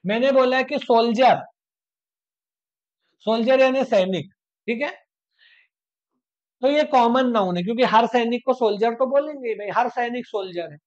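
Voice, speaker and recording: A teacher giving an exam-prep grammar lecture at a middle pitch, captured in a dull, lo-fi online class recording. They patiently repeat each point and answer their own rhetorical questions. Key English definitions come out slowly and deliberately. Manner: slows to stress English definitions.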